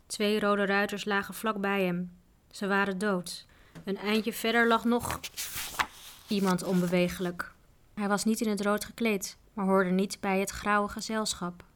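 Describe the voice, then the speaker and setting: A woman's voice: mid-range voice, slight background noise. Woman reading a storybook aloud. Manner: steady, even reading aloud. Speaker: audiobook reader. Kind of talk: storybook narration.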